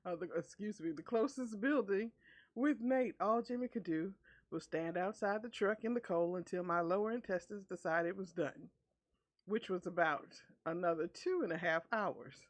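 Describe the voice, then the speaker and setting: Reading an online story aloud on stream, this female VTuber mixes in her own remarks and keeps laughing between lines. She speaks at a moderate pace in a medium pitch.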